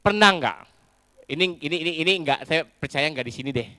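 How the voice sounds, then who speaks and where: A male pastor, giving a lively comic sermon in animated storytelling, calling out to the crowd. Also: on the high side, brisk, dry recording, clean studio sound. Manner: animated storytelling with a sing-song rise and fall and crowd call-outs.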